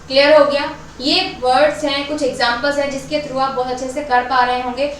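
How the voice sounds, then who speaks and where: High-voiced woman teaching in an echoey room. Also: level tone. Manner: asks "clear?" often and repeats example words slowly. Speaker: English pronunciation teacher. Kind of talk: online lesson, explaining rules and reading example words. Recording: very echoey room, voice from a distance, faint noise.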